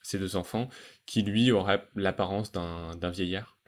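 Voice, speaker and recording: A man hosting a relaxed podcast conversation, talking enthusiastically about animated series with frequent fillers and restarts. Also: deep voice, measured pace. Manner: enthusiastic, hesitant with many fillers. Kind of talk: casual chat.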